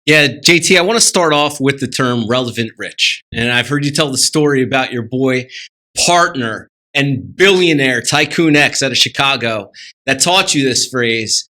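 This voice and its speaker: A man with a bright, forceful voice co-hosts a radio show. He puts a casual, direct question to the guest from a bit off the mic. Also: mid-range voice, animated, moderate pace. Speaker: radio co-host. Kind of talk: interview question.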